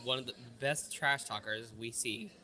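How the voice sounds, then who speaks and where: A man's voice: medium pitch, normal speed, bright, forceful tone. A man hosting a casual podcast, informally coaxing and teasing the people he talks with. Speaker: podcast host.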